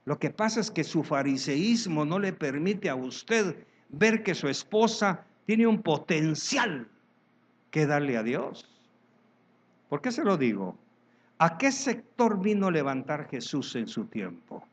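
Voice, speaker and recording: A pastor delivers a sermon in a church, his voice sitting high and moving over a wide, lively range. He tells stories from congregation life and acts out the voices of the people in them. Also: a little slow, slightly rough.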